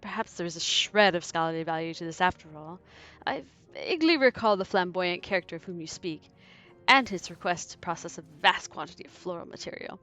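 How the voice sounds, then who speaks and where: A woman's voice: lowish voice, expressive, fairly quick, pushed and bright, faint music behind, pitched below the performer's own voice. A woman voicing a haughty male alchemist guildmaster who speaks in pompous, old-fashioned phrases. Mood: condescending.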